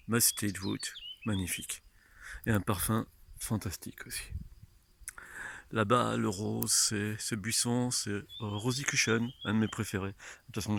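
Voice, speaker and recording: A man giving a chatty, unhurried walking tour of his own rose garden outdoors, often restarting his sentences. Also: fairly low pitch, gravelly, background noise. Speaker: home gardener showing his roses. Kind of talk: casual walking tour, vlog.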